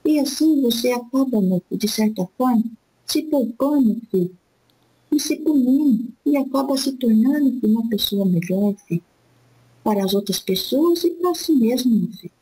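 A woman speaking as an elderly spirit guide in a spiritist session, giving gentle fatherly counsel and calling the listener "my son" after nearly every phrase. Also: a little high, lively intonation, breathy edge, rough recording. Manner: slow, repetitive, soothing advice.

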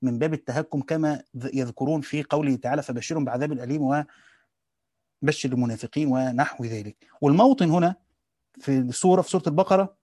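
A man with an Egyptian accent teaching a relaxed study lesson, asking himself questions and answering them, mixing colloquial and classical speech. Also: mid-range voice, fast, dry recording, studio quality. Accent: Egyptian Arabic. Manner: mixes dialect with classical Arabic, rephrasing as he goes. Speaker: teacher reading and explaining a classical Quran commentary.

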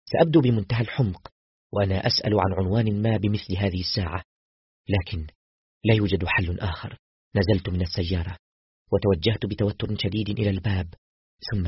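Very husky, fast-reading male narrator. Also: on the low side, dry recording, muffled recording. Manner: steady, quick dramatic narration. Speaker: storyteller. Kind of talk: novel read aloud in first person.

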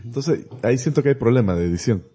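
A man talks through a movie plot in a loose, rambling way, circling back and restarting his sentences. His voice is dark and mellow, sitting at an ordinary middle pitch. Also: expressive, fast talker, husky. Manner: rambling, recounts scenes with restarts. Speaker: podcast host. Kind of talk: casual movie review chat.

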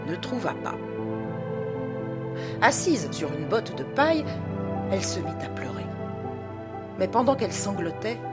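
A woman reading a short story aloud in a measured, dramatic manner. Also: fairly low pitch. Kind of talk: scripted narration of a short story.

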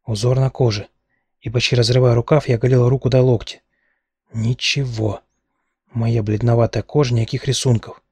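A man reading a first-person novel aloud at a steady, measured pace. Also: medium pitch, husky, dry recording. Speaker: audiobook narrator.

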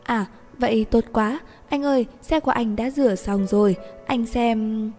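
A woman's voice: fairly high pitch, unhurried, mellow, close to an everyday voice. A woman voicing a frightened young male car-wash worker who stammers nervously. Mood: relieved. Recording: reverberant room with faint music.

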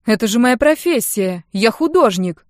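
A woman voicing an apologetic artist father, slightly raised pitch, louder and pleading, audiobook character voice, dry close sound. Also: expressive, normal speed, no room sound, lightly acted. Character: flighty grown man, an artist father dodging duties.

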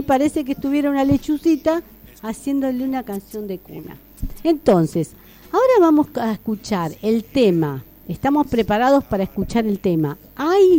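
A woman's voice: sits high, mellow. A woman hosting a radio show, chatting playfully with children and coaxing them to the microphone. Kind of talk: casual radio chat with children. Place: studio with children around a microphone. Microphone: studio microphone.

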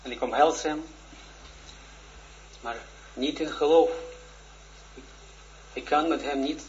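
Halting, earnest man in his forties. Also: fairly high pitch, darkish tone. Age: 40s. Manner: halting, hesitant, with many restarts; shy and earnest. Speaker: religious teacher. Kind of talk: personal testimony in a religious lesson. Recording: dull lo-fi recording with faint noise.

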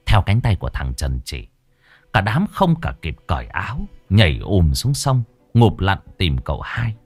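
A man tells a ghost story with dramatic flair. His voice sits low but rises and falls with a lively, expressive pitch. The recording is dry and close, with no room around it. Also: a little slow, breathy edge, no room sound. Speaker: narrator. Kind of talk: horror story narration.

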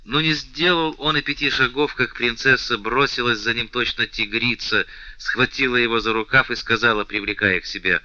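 A man narrating a novel as an audiobook reader, in an even, measured way, on a dull, dry recording. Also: medium pitch, no room sound.

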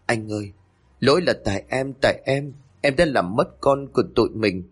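A man's voice: medium pitch, normal speed, slightly rough, voice pushed up, close to an everyday voice. A man voicing a grieving young wife who pleads through tears, in a storybook reading. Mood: tearful. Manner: sobbing pleas.

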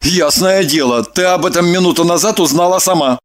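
A man's voice: high voice, fairly quick, soft background music, lightly acted. A man reading a bitter young confessing killer. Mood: wary. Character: troubled 27-year-old male killer, confessing. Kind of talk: audiobook dialogue reading.

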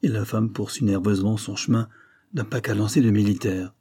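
Male audiobook narrator, grave and measured, low and husky. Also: fairly even intonation, warm tone. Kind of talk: scripted novel narration.

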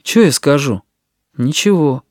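A man's voice: high voice, big pitch swings, moderate pace, no echo, clean studio sound, pitched above the performer's own voice. A man voicing a sullen, slangy schoolboy who grumbles his answers.

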